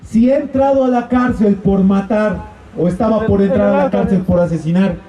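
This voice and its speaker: A man's voice: high voice, moderate pace, recorded from a distance, dull audio, crowd noise. A man preaching an evangelistic sermon in a church, posing rhetorical questions and calling his listeners brothers and sisters.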